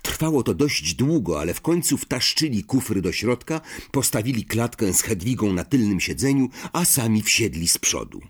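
A male audiobook narrator with a fairly low, husky voice. He reads expressively, and his pitch rises and falls in a lively way throughout the narration. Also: moderate pace, few pauses. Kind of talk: audiobook reading.

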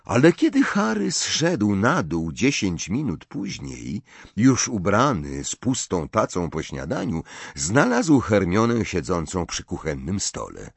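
Husky-voiced male audiobook reader. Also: deep voice, measured pace, no echo. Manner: expressive reading, voicing every figure. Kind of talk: audiobook narration.

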